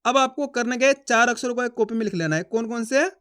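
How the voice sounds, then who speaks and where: A man teaching a reading lesson, asking himself questions and answering them, sounding out syllables slowly. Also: very high-pitched, a bit bright, clear, resonant tone. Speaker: Hindi teacher.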